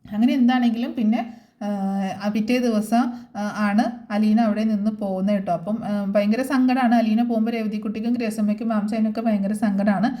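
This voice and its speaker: A woman's voice: medium pitch, steady tone, fairly quick, dark tone. A woman retelling upcoming soap opera episodes in a chatty way, with lots of filler sounds. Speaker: serial episode recapper. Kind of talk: casual plot retelling.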